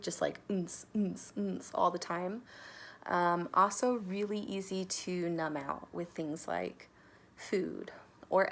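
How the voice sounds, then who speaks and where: Relaxed woman leading a guided meditation. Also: mid-range voice. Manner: relaxed and conversational, with fillers and soft laughs. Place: home, sitting on folded blankets.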